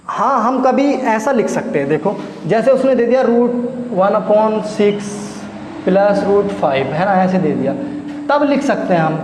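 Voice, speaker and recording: A male math teacher with a high-pitched, darkish voice gives a chatty, coaxing lesson at the blackboard, quizzing his class as he works. The room is echoey, with faint noise.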